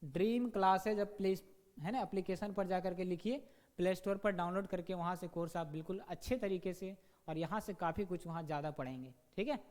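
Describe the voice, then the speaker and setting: Grammar teacher guy, high-ish voice, keeps saying "theek hai" and quizzing the class, kinda echoey. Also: a little mellow. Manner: repeats "ठीक है" and asks students questions; demonstrates sounds slowly. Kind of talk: online grammar lesson. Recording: long reverb.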